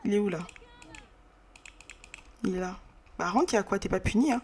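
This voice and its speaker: A woman's voice: mid-range voice, normal speed, darkish tone, slight background noise. Chatty woman narrating a game. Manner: slangy, chatty, many fillers. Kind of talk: casual let's-play narration.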